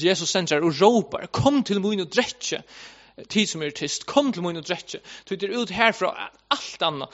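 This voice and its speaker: A man's voice: on the high side, creaky, fairly bright tone. A man preaching a sermon to a congregation, earnest and repetitive, restating each point as he builds his argument. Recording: dull lo-fi recording.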